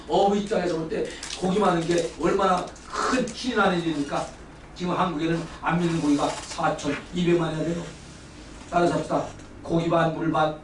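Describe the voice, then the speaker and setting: High-voiced preacher shouting in an echoing hall. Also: male voice. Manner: exuberant, shouts and leads call-and-response. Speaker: pastor. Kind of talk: lively sermon lecture. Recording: roomy hall from far off, faint background noise.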